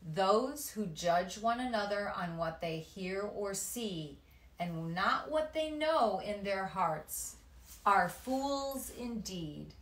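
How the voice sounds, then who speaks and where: A woman voicing a wise old village grandmother speaking in a measured, solemn way. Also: medium pitch, lively intonation. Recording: echoey room.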